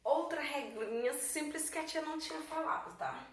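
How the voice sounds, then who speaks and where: A woman's voice: sits high, moderate pace, vocal fry. A woman teacher, explaining a grammar lesson patiently and often checking in with her class. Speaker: Portuguese teacher. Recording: echoey room, mic at a distance, faint background noise.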